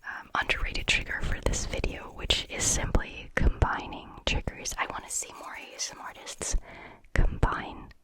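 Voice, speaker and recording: An ASMR creator talking in a breathy, unvoiced whisper, very close to a highly sensitive microphone, with slow, drawn-out words. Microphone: very close, high-sensitivity microphone.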